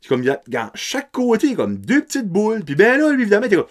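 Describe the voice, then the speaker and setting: A man's voice: high voice, huge pitch swings, fast. A man in his thirties with an Acadian French accent, hosting a podcast and telling a story in a casual, laughing way, dropping English words into his French. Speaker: podcast host.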